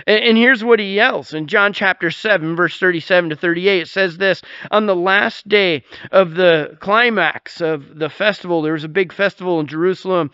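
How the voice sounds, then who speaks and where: A man's voice: high-pitched, normal speed, few pauses, pushed and bright, clear, resonant tone, no room sound, dull audio. A man preaching a sermon as pastor, earnest and folksy, with many fillers and repeated starts, and he rises sharply when he quotes scripture.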